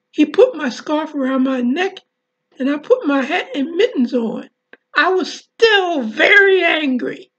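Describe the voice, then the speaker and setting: A woman author reading her childhood story, then giving a presentation in a slow, deliberate way, spelling words out. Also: very high voice. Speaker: author and speaker. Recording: dull lo-fi recording.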